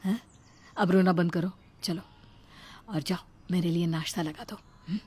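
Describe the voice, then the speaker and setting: A woman's voice: lowish voice, steady tone, moderate pace, a little mellow, slightly rough. A woman voicing a kind young husband in a cartoon story, soothing and coaxing.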